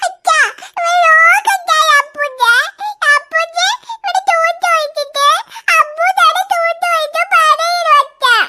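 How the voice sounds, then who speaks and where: A woman's voice: extremely high pitch, steady tone, unhurried, very noisy. A woman voicing a crying, sulky little girl in a cartoon, whiny and insistent. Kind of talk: cartoon voice acting.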